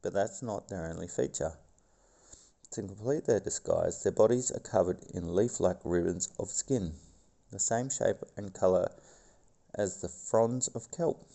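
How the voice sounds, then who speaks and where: Male narrator, nature documentary read, very low and mellow, with a creaky, gravelly edge. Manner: stumbles over words and scientific names. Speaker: video host.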